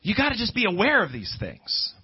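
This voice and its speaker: This preacher's high, slightly rough voice swoops wildly in pitch as he talks a little fast. His improvised, conversational sermon is emphatic, packed with rhetorical questions and quotes from scripture and imagined objectors, captured on a dull lo-fi recording.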